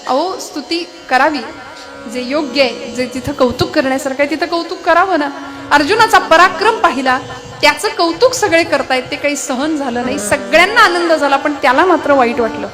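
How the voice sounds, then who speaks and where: A woman preacher delivers a devotional sermon with storytelling. She speaks in a high voice and keeps asking the audience rhetorical questions. Accompanying music plays steadily behind her. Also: normal speed. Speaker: kirtan preacher.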